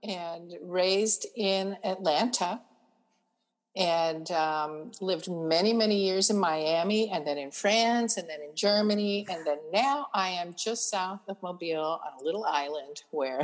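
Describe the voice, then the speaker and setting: A woman's voice: fairly low pitch, measured pace. A retired woman, a grandmother, born in Cuba, chatting casually as a guest and telling her family story with frequent fillers. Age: older. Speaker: guest author. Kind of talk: casual conversation.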